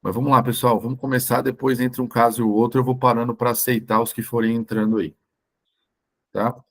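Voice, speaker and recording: A hoarse man with a Brazilian Portuguese accent, a doctor giving a live online lecture in an informal way that keeps checking in with his listeners. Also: medium pitch, level tone, fairly quick. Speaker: doctor teaching a course.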